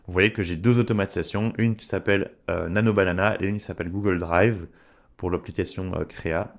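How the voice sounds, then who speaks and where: A man walking viewers through a software tutorial in a chatty, direct way. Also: lowish voice. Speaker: tutorial creator. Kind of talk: screen-share software tutorial.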